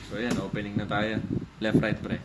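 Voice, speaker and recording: A man's voice: lowish voice, completely flat delivery, moderate pace. A man hosting a casual card unboxing, chatty and joking, counting packs aloud. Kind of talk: casual chat. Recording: loud background noise.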